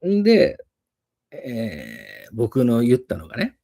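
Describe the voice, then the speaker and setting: A man's voice: mid-range voice, huge pitch swings, slow pace, vocal fry, mellow. A middle-aged man with an Osaka accent, an English teacher casually retelling a story and often chuckling. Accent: Osaka dialect.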